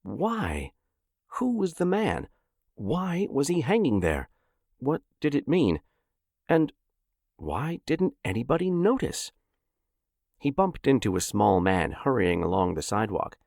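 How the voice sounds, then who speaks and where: A man narrating a story in an expressive, dramatic audiobook style into a close mic. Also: mid-range voice, a little slow, gravelly, long pauses, no echo. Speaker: narrator and host.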